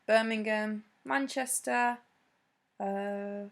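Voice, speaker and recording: A woman chatting casually on her vlog, answering questions with lots of ums and pauses. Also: medium pitch, steady tone, vocal fry. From Britain. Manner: hesitant, many ums, laughs between answers. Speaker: vlogger.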